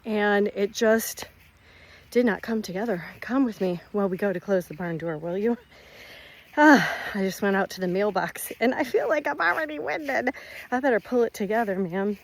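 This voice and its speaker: A woman in her fifties, a retired teacher, chatting casually and rambling through a catch-up vlog while walking outdoors on her rural property. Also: mid-range voice.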